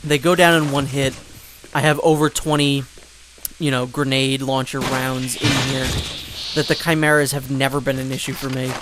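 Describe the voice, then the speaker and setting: A man's voice: medium pitch, level tone, normal speed, background noise. A man giving casual gameplay commentary, rambling with joking asides and fillers. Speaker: let's play commentator.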